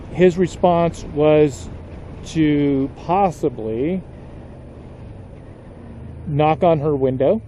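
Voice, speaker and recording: A man making a somber motorcycle vlog, talking slowly and haltingly and choking back emotion. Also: medium pitch, mellow, muffled recording, a little hiss or hum. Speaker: motorcycle vlogger.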